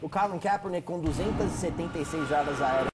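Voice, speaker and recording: A man with a Brazilian accent giving conversational sports highlights commentary as a show analyst. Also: fast talker, heavy background noise.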